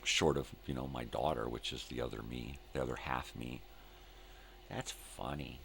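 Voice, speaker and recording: Older man, bottomless gravelly voice, laid-back rambling host, hippie slang, repetitive, slightly noisy recording. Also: extremely low pitch, steady tone, normal speed, fairly bright tone. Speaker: host of a live morning show. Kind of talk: casual rambling chat.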